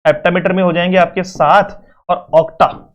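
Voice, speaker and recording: A man's voice: sits high, steady tone, normal speed. A man teaching an exam-prep literature lesson, mixing Hindi and English and repeating his points through rhetorical questions.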